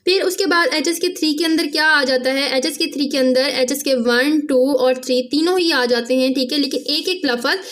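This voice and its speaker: A woman teaching a casual language lesson, often checking in with "theek hai" and slowing down to spell out sounds. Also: high voice, fairly bright tone. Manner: repeats "theek hai" after each point, spells out sounds slowly.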